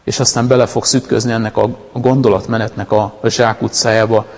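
A man's voice: on the low side, little pitch movement, a little mellow, big-room sound. A man giving an informal, conversational sermon, stopping and restarting his sentences often. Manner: conversational, with many restarts and fillers. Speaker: preacher.

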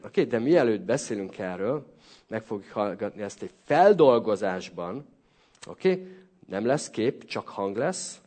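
A man leads a Bible teaching in a casual, informal way. His voice sits a little low. He keeps checking in with his listeners and pauses to gather his thoughts. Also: animated, a little mellow. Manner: informal, repeats "oké" and fills pauses with hesitations. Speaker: preacher.

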